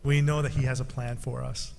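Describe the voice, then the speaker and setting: A man's voice: medium pitch, level tone, a little fast, vocal fry, noisy background. A man hosting a church interview, encouraging and repeating his words, often checking in with "right?". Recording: long echoey reverb.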